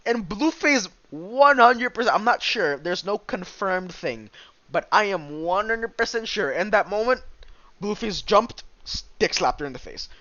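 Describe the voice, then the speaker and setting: A young man hosting a podcast, ranting loudly and crudely, breaking into squealing acted outbursts. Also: high voice, expressive, a little slow, dry recording, lo-fi sound. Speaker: podcast host. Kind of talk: casual podcast chat.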